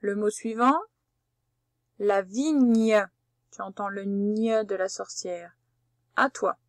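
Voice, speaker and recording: A woman teacher giving a patient, slow spelling dictation lesson, spelling out letters one by one. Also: medium pitch, fairly even intonation, no echo, clean studio sound.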